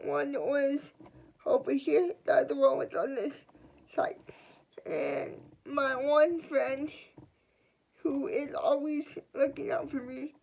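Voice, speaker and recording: A young woman of twenty confides a personal story to her viewers, her voice high and edged with gravelly fry. She talks slowly and haltingly, restarting words and trailing off into pauses as she works through what she means to say. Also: a little mellow, rough recording. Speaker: vlogger. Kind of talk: personal confessional storytime vlog.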